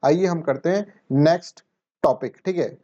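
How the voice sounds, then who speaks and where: A man's voice: on the high side, normal speed, mellow. Chatty man teaching exam prep. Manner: chatty, asks and answers his own questions. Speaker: current affairs teacher. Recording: dull lo-fi sound.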